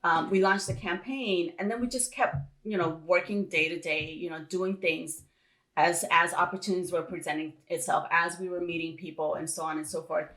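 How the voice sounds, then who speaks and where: A woman's voice: fairly low pitch, steady tone, normal speed, fairly bright tone, rough recording. A woman talking earnestly and encouragingly in a casual motivational chat, often repeating her points.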